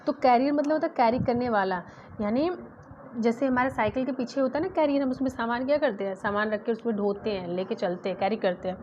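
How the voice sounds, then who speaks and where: A woman's voice: on the high side, a little mellow. Female grammar teacher, patient, spells words aloud letter by letter; dull lo-fi recording with faint hiss. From India. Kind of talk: exam-prep grammar lesson. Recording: dull lo-fi sound with faint noise.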